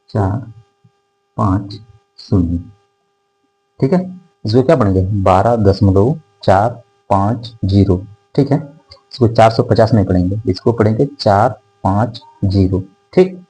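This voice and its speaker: A math teacher's fairly low, warm voice comes through a rough recording with slight background noise as he explains decimals to his class at the whiteboard. He reads numbers out slowly digit by digit, repeating "theek hai" again and again to check on students.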